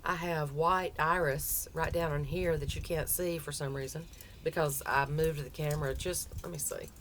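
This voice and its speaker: A woman's voice: low-pitched, steady tone, normal speed. A woman with a Southern US accent and a folksy drawl, chatting casually as a crochet vlogger. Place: outdoors on a front porch. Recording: outdoor background noise.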